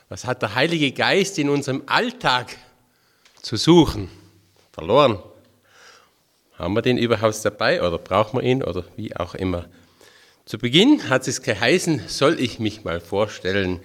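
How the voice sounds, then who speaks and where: A religious brother in his fifties from Tyrol, Austria, gives a group a chatty, homely spiritual talk in a Tyrolean accent. He is self-deprecating and drops in dialect phrases. His voice is mid-range, with lively intonation and a moderate pace.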